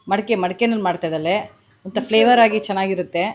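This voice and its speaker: A woman's voice: medium pitch, fast. A woman hosting a home cooking video, chatting casually to viewers and playfully teasing a child. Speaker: cooking vlog host.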